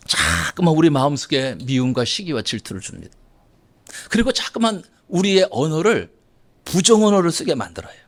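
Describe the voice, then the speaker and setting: A middle-aged male pastor delivers a Sunday sermon with a lively, swooping voice that sits high for a man. He hammers his points home by repeating phrases and calling out to the congregation. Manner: emphatic preaching, repeating key phrases and addressing the congregation.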